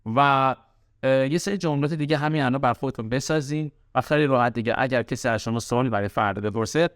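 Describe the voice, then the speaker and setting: A man with a Persian accent teaching English grammar in a recorded lesson, slowing down to spell out example sentences and drilling key words by repetition. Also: medium pitch, clear, resonant tone, no echo, clean studio sound.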